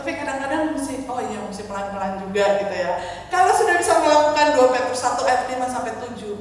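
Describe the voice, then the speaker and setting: High-voiced woman preaching in an echoey hall. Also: slight background noise. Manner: animated storytelling, acts out quoted voices, laughs often. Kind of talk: sermon. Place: church hall. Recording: very echoey hall, from far off, faint ambience.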